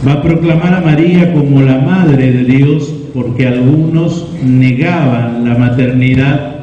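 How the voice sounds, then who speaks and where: A man preaching a homily in a deliberate, didactic way, pausing between phrases as he explains. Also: mid-range voice, mellow. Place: large reverberant church. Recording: echoey church hall, slightly muffled, faint noise.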